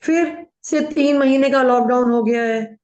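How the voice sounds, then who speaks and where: A woman's voice: high voice, measured pace, darkish tone. A woman acting a chatty, bossy middle-aged aunt in a play over a video call, mixing in English while she tells family stories. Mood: gossipy. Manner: mixes Hindi with English, gossipy storytelling. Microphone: video call audio. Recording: echoey room, dull muffled audio.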